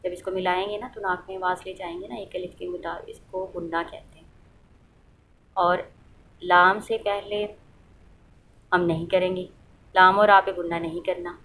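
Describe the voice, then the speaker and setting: A woman's voice: on the low side, little pitch movement, normal speed, long pauses, fairly bright tone, slight background noise, poor audio. Patient woman teacher explaining recitation rules. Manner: patient, asks questions and answers them; models pronunciation by reciting examples aloud. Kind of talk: explaining a lesson.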